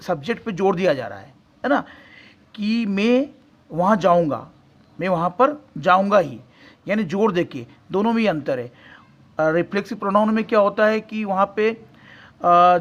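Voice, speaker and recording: Guy teacher with a highish voice going over grammar, keeps asking then answering himself, on the bits. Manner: repeats points, asks and answers his own questions. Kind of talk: grammar lesson explaining English in Hindi.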